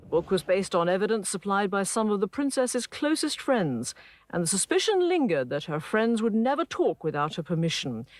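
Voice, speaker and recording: Woman reporter with a lively delivery. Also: medium pitch, normal speed, no echo. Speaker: news reporter. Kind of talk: scripted news report.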